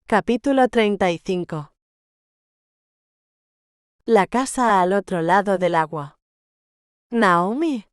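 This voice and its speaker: A woman narrating a romance novel audiobook in a measured, gentle storytelling manner. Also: mid-range voice, clear, resonant tone, no room sound, clean studio sound.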